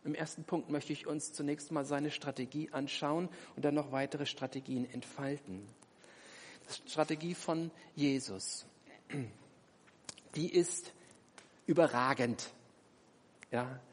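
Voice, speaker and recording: A man's voice: on the high side, measured pace, long pauses, slight background noise. A man preaching a sermon, driving his points home with emphatic rhetorical questions. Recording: long hall reverb.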